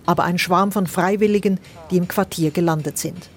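A woman reporter reading a scripted radio news report in a measured, dryly commenting manner. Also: on the low side, steady tone.

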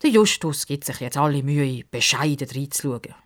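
A woman reading a children's story calmly. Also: extremely low pitch, moderate pace.

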